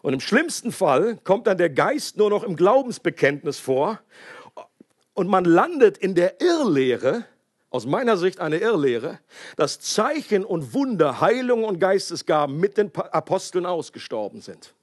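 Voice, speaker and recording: A man's voice: high voice, very animated, measured pace, dry recording, clean studio sound. A man preaching a sermon in German to a congregation, asking them questions and dropping in English words. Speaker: pastor.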